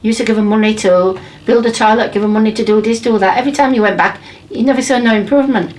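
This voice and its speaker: A woman's voice: fairly high pitch, fairly even intonation, quick pace, darkish tone. A woman in her fifties from England, telling her story bluntly and emphatically in a documentary interview. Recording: distant mic with faint background ambience.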